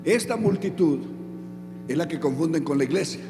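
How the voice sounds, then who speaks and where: A man's voice: on the high side, animated, moderate pace. A man preaching a sermon who keeps asking the audience questions and then answers them himself. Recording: echoey hall with music underneath.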